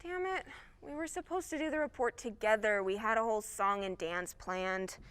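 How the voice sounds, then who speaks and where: A woman's voice: on the high side, clean tone, close to an everyday voice. A woman playing a brash, hot-headed time cop. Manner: brash and excitable, rattles off reports fast. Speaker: stage actor. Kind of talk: live stage comedy acting. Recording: long reverb of a theatre stage.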